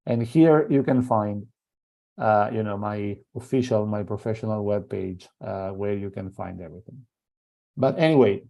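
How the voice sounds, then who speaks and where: A middle-aged Italian man, an invited seminar speaker, gives an academic talk in a voice that runs on the low side, creaky and mellow. His delivery is hesitant, full of fillers and restarts, and his Italian accent is clear.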